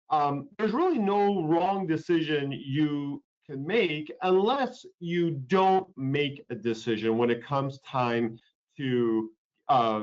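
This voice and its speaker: A man hosting a webinar on practice planning, talking loosely and conversationally, with frequent fillers and repeated words. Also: on the high side. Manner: rambling, repeats words and uses many fillers. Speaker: webinar host, healthcare lawyer. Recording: dull lo-fi webinar audio.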